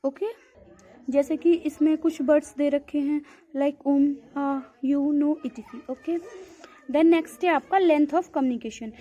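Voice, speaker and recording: A woman's voice: high voice, steady tone, slow pace, mellow. A woman teacher giving a classroom lecture in Hindi, mixing in terms and calling her students "beta". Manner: mixes English terms into Hindi, calls students beta, repeats "theek hai". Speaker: school teacher. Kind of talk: classroom lecture explaining from a textbook.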